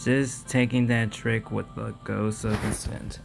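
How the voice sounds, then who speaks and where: A man reading a visual novel aloud with casual commentary, halting and stumbling over words. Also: fairly low pitch, little pitch movement, gravelly, over music. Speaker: let's play host reading a visual novel.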